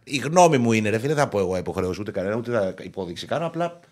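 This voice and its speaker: Man in his thirties, low voice. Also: sing-song, background noise. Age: 30s. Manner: reads out club news, then banters. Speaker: sports podcast co-host. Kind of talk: casual sports chat.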